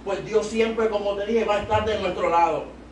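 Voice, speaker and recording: A high-pitched young man speaks at a moderate pace with fairly even intonation, his Puerto Rican Spanish accent clear. He is an evangelist from Puerto Rico preaching a youth-service sermon from a small church's pulpit, holding a handheld mic and pushing toward loud, emphatic peaks. The far-off camera leaves the recording echoey and noisy.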